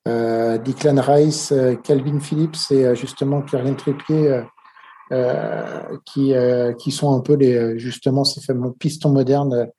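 A man's voice: mid-range voice, fairly even intonation, measured pace, mellow, a little hiss or hum. A man giving casual football match commentary and tactical analysis, talking hesitantly with many filler sounds.

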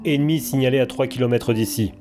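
A man's voice: medium pitch, fast talker, over music, voice pushed up, lightly acted. A man reading a curt, grim army officer. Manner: clipped, matter-of-fact briefing.

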